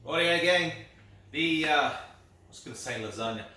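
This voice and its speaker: A man's voice: fairly high pitch, expressive, normal speed, pushed and bright, heavy reverb, far from the mic, faint music behind, rough recording. A man, chatting casually through a home cooking vlog in an upbeat way. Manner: chatty, upbeat, laughs often. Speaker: cooking vlogger. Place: home kitchen.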